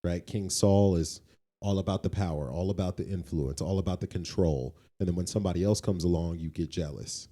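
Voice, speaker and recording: Speaking a bit quickly in a warm, low voice, a male podcast co-host shares his views and explains them casually. He keeps checking in with whoever is listening.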